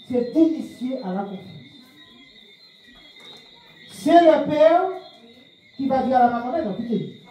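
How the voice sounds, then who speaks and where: Speaking on spiritual practice before an audience, this French man represents a spiritual movement; he quizzes listeners and keeps returning to key phrases. His voice is very high-pitched, and the highs are cut off. The room is very echoey, he stands far from the microphone, and there is faint noise.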